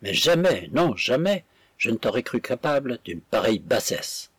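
A man's voice: medium pitch, big pitch swings, moderate pace, husky, no room sound. A man voicing a proud, indignant young woman who scolds her sister with haughty scorn.

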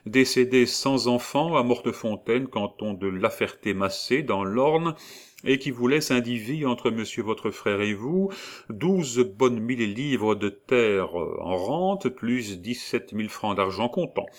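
A man's voice: medium pitch, animated, a little slow, pitched above the performer's own voice, lightly acted. A man voicing a pompous, fussy middle-aged notary who speaks sententiously and hesitates with many "euh"s.

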